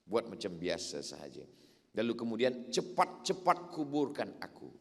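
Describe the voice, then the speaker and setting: A man's voice: fairly low pitch, sing-song, moderate pace, creaky. A middle-aged Indonesian man giving a sermon, telling stories with animation and voicing the people in them. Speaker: preacher. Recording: long reverb in a hall.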